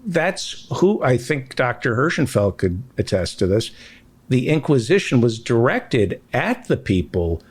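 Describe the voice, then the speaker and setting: A male talk-show host chats with his guests in a loose, rambling way. His pitch rises and falls a lot, full of animation. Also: big pitch swings, a little slow, husky. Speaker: podcast host. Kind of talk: casual chat.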